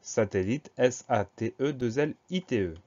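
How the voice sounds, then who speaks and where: A man's voice: mid-range voice, animated, unhurried, mellow. A man teaching a spelling lesson, patiently spelling out words letter by letter before giving a dictation. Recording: dull lo-fi recording.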